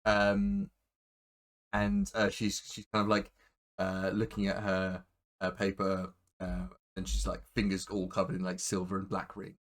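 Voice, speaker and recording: A man narrating a tabletop game as game master, describing scenes haltingly with many fillers. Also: low voice.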